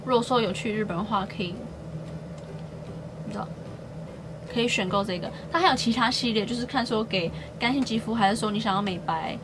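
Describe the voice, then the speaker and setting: A woman's voice: on the high side, a little fast, long pauses, noisy background. A young woman, chatting casually and cheerfully as she shows the things she bought. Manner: chatty and upbeat, often stresses words by doubling them. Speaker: beauty and shopping vlogger. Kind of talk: casual haul vlog chat.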